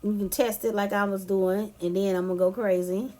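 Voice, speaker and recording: A woman's voice: medium pitch, fairly even intonation, moderate pace, mellow. A woman from California giving a casual cooking tutorial, chatty and loose, addressing viewers as "y'all" and "you guys". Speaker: cooking vlogger.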